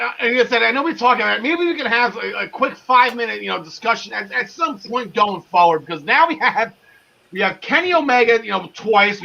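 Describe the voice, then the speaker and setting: A man's voice: extremely high pitch, vocal fry, pushed and bright, highs cut off. A man hosting a casual wrestling podcast discussion, talking in an enthusiastic, rambling, slangy way. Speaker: podcast host.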